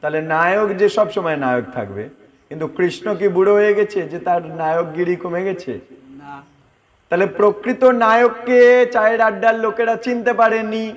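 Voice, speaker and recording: A man preaching with a high, light voice. He talks in a conversational way, putting questions to his listeners and answering them himself. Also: brisk. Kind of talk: devotional discourse.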